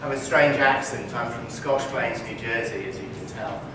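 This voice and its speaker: On a conference stage before an audience, a male physician answers interview questions in a mid-range voice at normal speed, articulate and emphatic, repeating his key points. The recording is noisy with crowd sound, an echoey hall and a distant mic.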